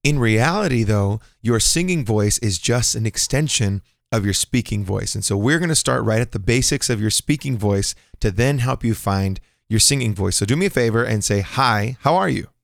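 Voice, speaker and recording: A man's voice: on the low side, moderate pace, gravelly, hardly any pauses, no room sound, clean studio sound. A man teaching a singing lesson, coaching listeners directly and encouraging them. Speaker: vocal coach. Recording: music playing behind.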